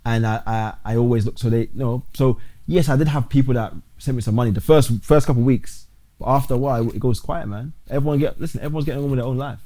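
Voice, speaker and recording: A young man, a podcast guest talking casually and haltingly, restarting his sentences often. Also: mid-range voice, mellow. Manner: halting, restarts often, calls the host bro. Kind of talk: casual interview talk.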